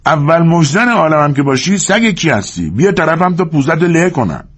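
A man voicing a rough ranch hand who taunts and jeers. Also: fairly high pitch, sing-song, pitched above the performer's own voice. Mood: mocking. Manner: taunting, jeering.

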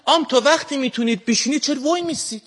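A man's voice: extremely high pitch, fairly bright tone. A middle-aged man with a Shirazi accent doing stand-up comedy on a stage, with a lazy, drawling, joking delivery. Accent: Shirazi Persian.

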